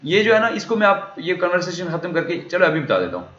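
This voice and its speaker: Bright high-voiced male teacher, echoey. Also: big pitch swings, quick pace. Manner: repeats questions and answers them himself. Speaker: language teacher. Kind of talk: lecture explaining a recorded dialogue. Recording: echoey room, dull lo-fi sound.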